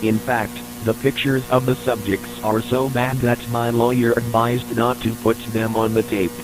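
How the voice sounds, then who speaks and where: A man narrates an analog horror tape, reading a scripted, formal report in a matter-of-fact way. His mid-range voice is flat and moderately paced, with music behind him on a noisy recording with electrical hum.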